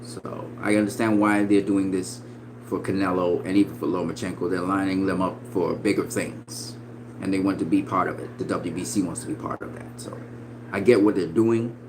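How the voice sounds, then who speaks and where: A man in his forties giving casual, profane boxing opinions, swinging between loud emphatic bursts and quiet asides. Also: deep voice, steady tone, moderate pace, noisy background. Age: 40s. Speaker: boxing commentator.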